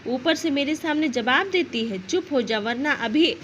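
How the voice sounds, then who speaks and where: A woman's voice: high-pitched, expressive, normal speed, fairly bright tone, highs cut off, slight background noise. A woman voicing a proud, short-tempered male lion, king of the jungle, as she reads a children's story aloud. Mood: angry.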